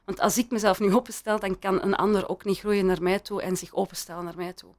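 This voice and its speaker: A woman's voice: mid-range voice, fairly even intonation, quick pace. A woman speaking as an interview guest, thoughtful and hesitant, with frequent restarts and laughs. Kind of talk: reflective interview talk. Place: in Belgium.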